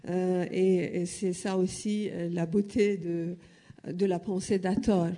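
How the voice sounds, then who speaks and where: Iranian woman, persian first language, mellow voice, lots of umms, explaining stuff on a panel. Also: on the low side, level tone, slow pace. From Iran. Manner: hesitant, many filler sounds. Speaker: panel speaker.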